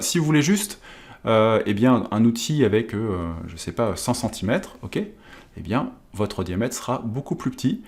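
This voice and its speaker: A man giving a chatty software tutorial over a screen recording, sprinkling in little fillers and wry asides about himself. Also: medium pitch. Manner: chatty, with fillers like hop and voilà.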